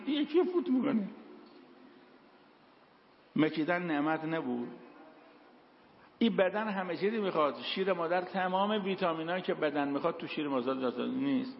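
Gravelly-voiced preacher in an echoey hall. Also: male voice, a little high, a little hiss or hum. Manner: storytelling, quotes Quranic verses. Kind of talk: sermon with told anecdotes. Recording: echoey hall, dull lo-fi sound.

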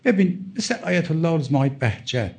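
This middle-aged cleric's voice is on the high side, very animated and a little mellow. In his sermon he pleads and stresses points while quoting and explaining Arabic texts.

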